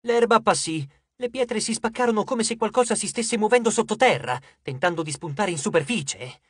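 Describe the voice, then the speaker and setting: High-voiced male audiobook narrator. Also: animated, fairly quick, fairly bright tone, breathy edge, no echo, studio quality.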